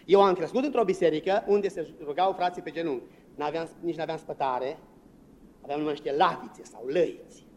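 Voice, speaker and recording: Brief: male pastor, high-pitched, lively sermon delivery with loud and hushed swings. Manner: animated preaching, acts out quoted voices, swings between loud and hushed.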